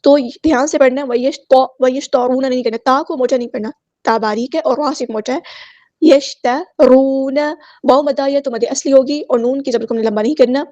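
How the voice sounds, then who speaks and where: A woman teaching tajweed, chanting verses slowly and explaining each rule patiently, step by step. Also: high voice, a little mellow, no echo, highs cut off. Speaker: Quran recitation teacher. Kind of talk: tajweed lesson with slow recitation.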